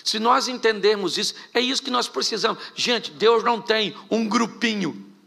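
A man's voice: high voice, normal speed, creaky, bright, forceful tone. A middle-aged Brazilian man preaching a sermon as pastor, firing off rhetorical questions and joking asides.

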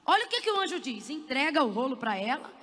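A woman preacher with a high, bright voice delivers an impassioned sermon, building to fervent shouts. Her words ring out with a long reverb in a big conference hall. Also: sing-song, quick pace.

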